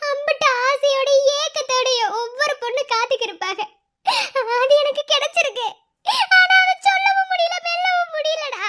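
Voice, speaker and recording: A woman's voice: extremely high pitch, normal speed. A woman voicing Nila, a heartbroken young village woman in a cartoon, speaking with a Madurai Tamil accent in a pleading, tearful way. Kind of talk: cartoon voice acting.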